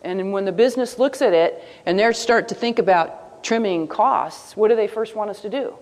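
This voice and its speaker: A woman giving a live presentation, lively and asking her audience questions as she goes. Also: mid-range voice, normal speed. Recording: long hall reverb.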